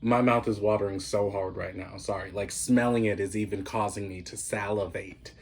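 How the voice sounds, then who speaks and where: A man's voice: on the low side, fairly even intonation, normal speed, slight background noise. A young man chatting casually on his eating-show vlog, a little out of breath and laughing often as he savors his food. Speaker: mukbang vlogger.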